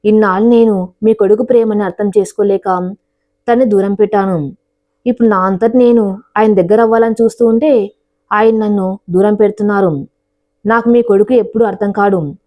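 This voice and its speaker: A woman's voice: mid-range voice, fairly even intonation, normal speed, lo-fi sound, close to an everyday voice. A woman voicing a young, troubled bride. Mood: upset. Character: young distressed new wife.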